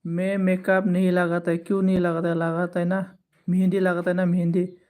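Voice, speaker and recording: A man's voice: high-pitched, monotone, fairly quick, a little mellow. A man with a Bodo accent, a native Bodo speaker, chatting casually on a livestream and teasingly greeting viewers by name. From Northeast India. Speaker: live streamer.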